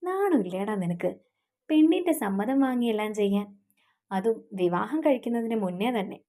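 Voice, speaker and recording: A woman's voice: on the high side, animated, normal speed, warm tone. A woman voicing a young man who is a pushy, mocking drinking buddy.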